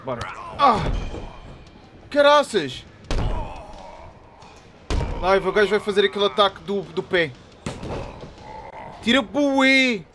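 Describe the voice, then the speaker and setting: A young man with a European Portuguese accent giving excitable, trash-talking commentary while playing a wrestling game. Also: high voice, unhurried, pauses often, background noise. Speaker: gaming YouTuber. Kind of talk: live gameplay commentary.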